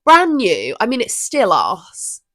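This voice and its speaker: A woman's voice: a little high, huge pitch swings, slow pace, fairly bright tone, no room sound. A woman in her twenties with a Southern English accent, co-hosting a casual podcast chat, rambling and easily sidetracked. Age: 20s. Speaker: podcast co-host. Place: room with an open window.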